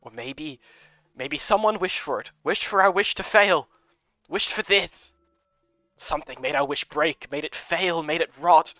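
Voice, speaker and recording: A man voicing an older head housemaiden woman with a slight Scottish accent, soft and pleading, reading a game aloud. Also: fairly high pitch, unhurried, no room sound. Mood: sorrowful. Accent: slight Scottish put-on. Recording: dull lo-fi recording.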